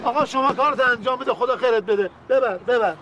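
An actor playing a pushy, practical man who placates others briskly and dictates a receipt slowly. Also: very high voice. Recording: outdoor street noise.

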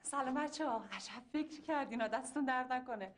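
An actress playing a proud, indignant wife in a TV drama. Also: female voice, high voice, a little hiss or hum, lightly acted. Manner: indignant, defensive. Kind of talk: TV drama acting.

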